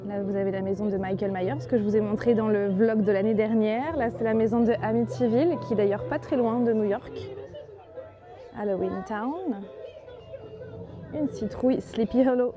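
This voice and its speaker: A woman's voice: fairly high pitch, moderate pace, lo-fi sound, over music. A woman narrating a casual travel vlog in a chatty, enthusiastic way, with many fillers. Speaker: travel vlogger.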